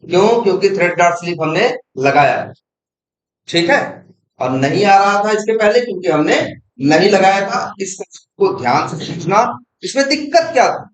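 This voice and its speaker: A man's voice: high voice, animated, moderate pace, roomy sound. A young man teaching programming in an informal lesson, asking himself questions and answering them as he explains.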